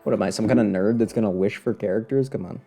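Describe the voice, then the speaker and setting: A man with a lowish, gravelly, dark voice talks fast while casually commentating live on a video game. He's wry and sarcastic, addressing both himself and his viewers, with game music in the background.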